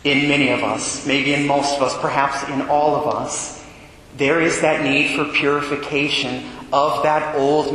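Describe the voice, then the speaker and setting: Male priest for liturgy and homily: bright, forceful voice, measured solemn phrasing, ringing in heavy cathedral echo. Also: a little high. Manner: solemn, measured, deliberate phrasing with rhetorical questions. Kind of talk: liturgical reading and sermon. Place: large echoing church, indoors. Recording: cathedral echo, long reverb, faint background noise.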